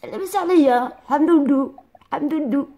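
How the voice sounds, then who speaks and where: A woman's voice: high-pitched, rapid-fire, warm tone, reverberant. A woman hosting a casual webcam chat, playful and teasing, sometimes singing lines at the strangers she meets. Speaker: video host chatting with strangers.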